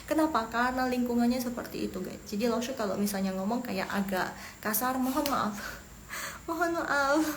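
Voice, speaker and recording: A woman from Medan teaching Mandarin in a casual live lesson, chatty and quick to laugh, talking to viewers as friends. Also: fairly high pitch, echoey room, slight background noise. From Medan, Indonesia. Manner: chatty, laughs often, talks to viewers as guys.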